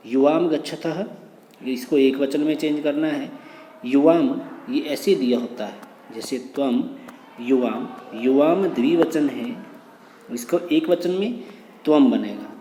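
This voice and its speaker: A man's voice: mid-range voice, warm tone. A man teaching a lesson, reading phrase by phrase, translating each one and patiently drilling words. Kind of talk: explaining a lesson line by line. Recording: roomy with long reverb, faint noise.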